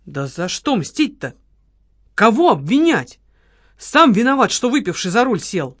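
A woman voicing a nervous, grumbling man in an audiobook, quick to lose his temper. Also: mid-range voice, sing-song, husky, dry recording, studio quality. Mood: doubtful. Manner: grumbling, easily exasperated. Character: nervous, grumbling male con-man partner.

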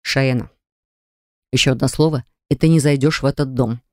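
A stern male dragon, low and measured, spelling out each word with quiet authority, as a woman reader puts him on. The voice sits lower than the narration and sounds dry and close. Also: fairly even intonation, clean tone, no room sound. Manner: slow, measured and commanding. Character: stern male dragon, the calm elder brother.

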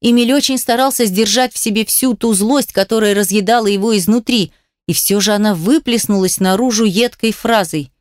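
Expressive woman narrating an audiobook. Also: medium pitch, brisk, no room sound, studio quality. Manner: dramatic, expressive reading.

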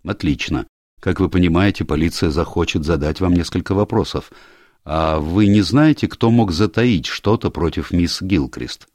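A measured country doctor, asking careful questions in a very low voice, as a man reading an audiobook plays him. The sound is dry and close, with no room around it. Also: a little mellow, no room sound. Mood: probing. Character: calm, probing country doctor, middle-aged man.

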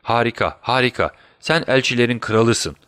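A man's voice: medium pitch, expressive, normal speed, a bit bright, clean tone, no room sound, studio quality, close to an everyday voice. A man voicing a brilliant detective who fakes a deadly illness, switching between urgent orders and weak whispers. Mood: urgent, commanding. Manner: urgent commands, then feeble whispers. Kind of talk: audiobook character voice.

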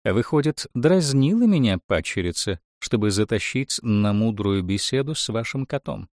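A man's voice: fairly low pitch, lively intonation, moderate pace, darkish tone, no room sound, studio quality. A man voicing a haughty, vain tsarina who gives commands in an imperious, grand manner.

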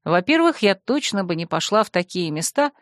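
A woman's voice: mid-range voice, brisk, dry recording, studio quality. Wry woman narrating an audiobook. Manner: wry, lively storytelling. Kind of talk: first-person audiobook narration.

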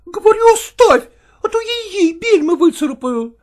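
A reader putting on a shrill feisty peasant cook woman. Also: sing-song, moderate pace, a little mellow. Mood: scolding. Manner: shrill, scolding folk speech. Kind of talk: dramatized story reading.

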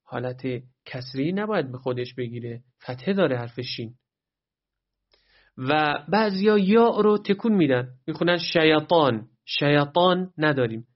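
A fairly high-voiced man gives a tajweed lesson, patiently breaking down each letter and sound. He stops often to chant words slowly as examples. The recording sounds dull and lo-fi. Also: lively intonation. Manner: patient, explains step by step and models drawn-out recitation. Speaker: Quran recitation teacher.

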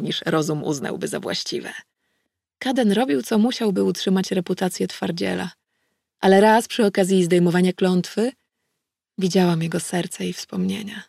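A woman reading a first-person audiobook in a measured, wry storytelling manner on a close mic. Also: fairly low pitch, gravelly, a little mellow, no echo. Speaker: audiobook narrator.

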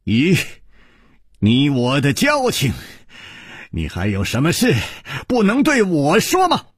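A man voicing a calm, wise male hero who speaks in a measured, reflective way, in a storytelling performance. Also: fairly high pitch, slightly rough, no room sound, studio quality, voice pushed up, heavily acted.

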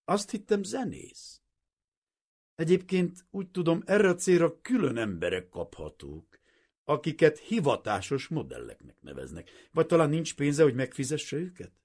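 A man's voice: fairly high pitch, huge pitch swings, a little mellow, breathy edge, voice pushed up, heavily acted. A man voicing a cool, easily irritated young woman who asks curt, mocking questions in a storybook reading. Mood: scornful.

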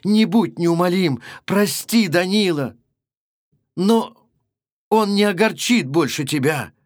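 A man's voice: high-pitched, animated, takes it slowly, no echo, clean studio sound, voice pushed up. A man voicing a grieving young wife who pleads with passion in a storybook reading. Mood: pleading. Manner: impassioned, pleading.

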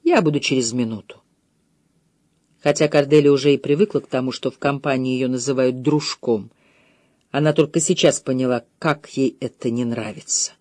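A woman reading a mystery novel aloud in a measured, calm storytelling manner. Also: rumbling low, dry recording. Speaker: audiobook reader. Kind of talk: scripted narration.

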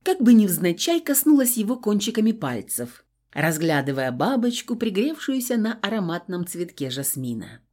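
A woman's voice: mid-range voice, big pitch swings, moderate pace, warm tone. A woman narrating a first-person audiobook in a wry, ironic way.

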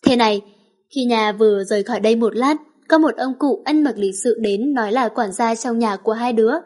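A woman's voice: fairly high pitch, brisk, darkish tone, natural voice. A woman reading the lines of an easygoing young male teacher explaining in a storybook.

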